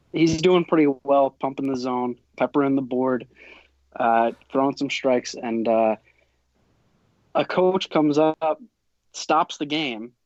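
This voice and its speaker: Mid-pitched man, animated storyteller, dry muffled recording. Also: no echo. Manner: animated, laughs through his own story. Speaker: guest umpire telling a story. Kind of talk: casual storytelling.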